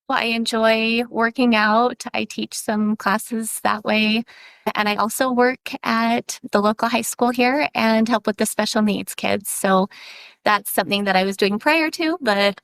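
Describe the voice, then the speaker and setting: A woman's voice: fairly high pitch, fairly even intonation, unhurried, vocal fry, fairly bright tone, no room sound. A woman in her forties, a podcast guest, telling a story in a chatty way and acting out what people said. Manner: chatty, laughs often, acts out quoted talk. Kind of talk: casual storytelling.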